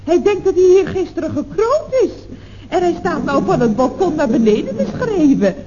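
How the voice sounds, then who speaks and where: An actress playing a chatty, gossiping office secretary in a 1960s radio comedy, exclaiming down the telephone. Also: female voice, very high voice, sing-song, normal speed. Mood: gossipy. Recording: dull old radio recording with faint hiss.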